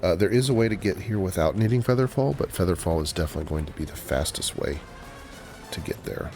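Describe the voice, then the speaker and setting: A man hosting a video game walkthrough, explaining casually as he plays, with relaxed pacing and frequent filler pauses. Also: sits low, soft background music. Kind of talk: casual gameplay commentary.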